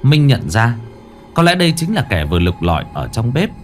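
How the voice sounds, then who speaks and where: A man's voice: medium pitch, wildly swooping pitch, brisk, faint music behind. A man narrating a ghost story dramatically and expressively.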